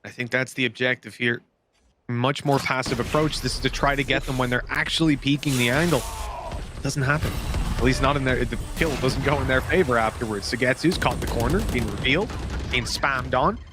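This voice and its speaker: A man giving excitable play-by-play commentary on an esports match. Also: fairly quick. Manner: excitable, pitch climbs sharply in big moments. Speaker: esports caster. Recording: broadcast with game noise behind.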